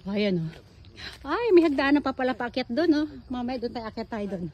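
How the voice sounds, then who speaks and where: A woman's voice: lively intonation, brisk, darkish tone, dull audio. Chatty woman vlogging on a walk. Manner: chatty, calls her dog in a high sing-song voice. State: out of breath. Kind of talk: casual walking vlog, talking to camera. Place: outdoor garden and dog run on a hillside.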